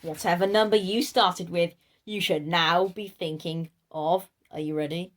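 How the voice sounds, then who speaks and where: A woman reads a children's storybook aloud in a playful, theatrical, animated style, speaking directly to her listeners. Her voice is lowish with a steady tone, and she goes a little slowly.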